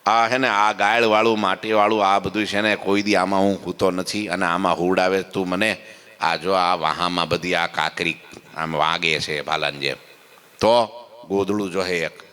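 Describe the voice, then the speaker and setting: A man voicing a disguised wandering ascetic, dropping to a low grumble to demand things in a sermon story. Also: steady tone, normal speed, bright, forceful tone, smooth, in a large hall. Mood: grumbling.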